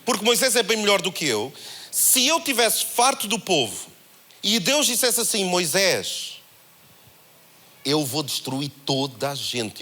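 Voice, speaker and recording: Man, European Portuguese accent, preacher, high bright voice, animated conversational sermon. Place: church held in a cinema.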